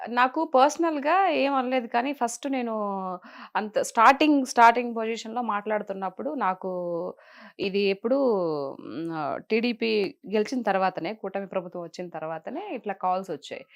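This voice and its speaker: A woman with a Nellore Telugu accent speaks bluntly and defiantly in an interview. Her voice sits a little high for a woman, and she talks plainly, with no softening. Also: normal speed. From Nellore, Andhra Pradesh. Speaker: interviewee, political commentator. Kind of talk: interview answers.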